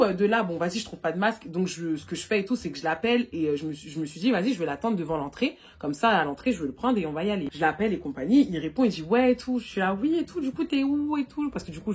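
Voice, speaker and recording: A young woman vlogger telling a personal story in a casual storytime monologue, animated and full of fillers, recorded on a phone. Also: on the low side, husky. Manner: rapid and animated, full of fillers like "et tout" and "du coup".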